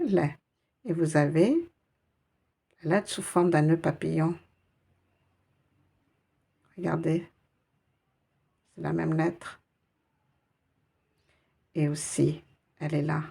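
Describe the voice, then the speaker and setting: A woman's voice: sits low, takes it slowly, gravelly, pauses often, warm tone, slightly rough. A woman teaching Arabic reading in a patient, encouraging way, naming each letter and sound one by one. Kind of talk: slow step-by-step reading lesson.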